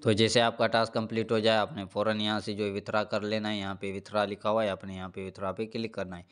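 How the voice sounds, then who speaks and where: A man, hosting a channel and talking through an app step by step in a steady, instructional voice-over, leaning on repeated filler phrases. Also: on the low side, quick pace, smooth. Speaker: channel host. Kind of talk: screen-recorded app walkthrough.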